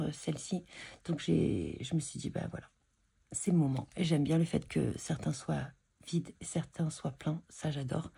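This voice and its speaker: A woman's voice: deep voice, vocal fry, warm tone, slightly rough. A woman chatting casually as she shows her craft purchases, hesitant and full of fillers and restarts. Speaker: scrapbooking vlogger showing purchases. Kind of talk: casual show-and-tell chat.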